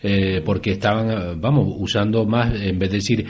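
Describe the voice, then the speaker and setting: A man's voice: on the low side, steady tone, normal speed, darkish tone, husky. A man with a Canarian Spanish accent interviewing a guest, chatting and adding his own anecdotes. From Canary Islands. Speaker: interviewer, journalist. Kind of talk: conversational interview. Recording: dull lo-fi recording.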